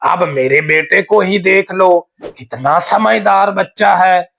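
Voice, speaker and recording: A man voicing a boastful middle-aged male neighbor in a cartoon, with a slow, drawling manner. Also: sits high, gravelly, fairly bright tone, a little hiss or hum, heavily acted. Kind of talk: cartoon voice acting.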